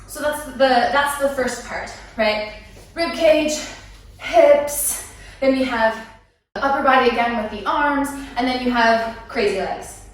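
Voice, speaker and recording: A woman walks through a dance routine, counting beats aloud in a playful, high voice. She stands well away from the camera mic. The room around her rings with heavy echo. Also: slow, slight background noise. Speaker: dance instructor. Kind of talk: dance lesson walkthrough. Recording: echoey room, mic far off.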